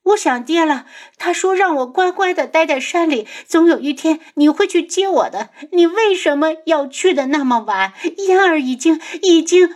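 A frightened young woman cries out in a high, wavering voice, her lively pitch leaping as she sobs and begs for help. A woman narrator performs her in an audiobook, shrill and clingy throughout. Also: normal speed, hardly any pauses. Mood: tearful. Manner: sobbing, shrill pleading.

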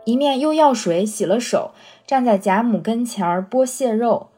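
A woman reading a classic novel aloud for a reading-club podcast, in a steady, even storytelling manner. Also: on the high side, normal speed, slightly rough, faint music behind. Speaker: reader.

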